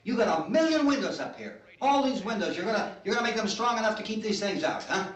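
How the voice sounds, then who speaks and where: A man's voice: sits high, lively intonation, quick pace. An actor playing a stubborn, frightened, abrasive middle-aged family man arguing insistently in a 1960s horror film. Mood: angry insistence. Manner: argumentative, insistent, agitated. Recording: echoey old film sound, distant mic.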